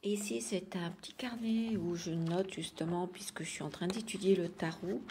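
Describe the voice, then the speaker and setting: Woman vlogger, casual and gentle, low mellow voice, hesitant delivery. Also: fairly even intonation, normal speed, slight background noise. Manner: gentle, hesitant, with many fillers. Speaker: vlogger presenting her daily routine. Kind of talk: casual chat.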